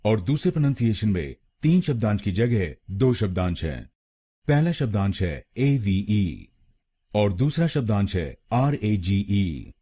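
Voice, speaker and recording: Slow, husky Indian man teaching pronunciation. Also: on the low side, very animated, warm tone. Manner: slow, deliberate syllable-by-syllable drilling. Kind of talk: scripted pronunciation lesson.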